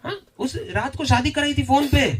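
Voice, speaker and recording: A man's voice: very high-pitched, normal speed, crowd noise. A young man in his twenties doing a stand-up comedy set, telling stories and acting out dialogue. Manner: animated storytelling, mixing Hindi and English, acting out dialogue. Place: comedy venue with a live audience.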